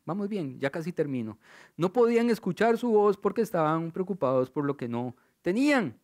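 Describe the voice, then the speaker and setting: A man preaching a sermon in a Costa Rican accent, his voice sitting high. He tells stories and presses the listener with rhetorical questions. His delivery swings from raised to hushed. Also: big pitch swings, normal speed. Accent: Costa Rican Spanish. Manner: storytelling with rhetorical questions, shifting between loud and hushed.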